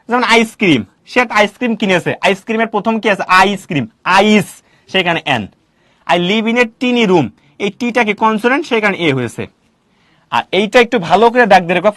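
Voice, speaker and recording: A male teacher giving a classroom grammar lecture, quizzing students with quick questions and answering them himself. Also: high-pitched, a bit bright, no room sound, studio quality.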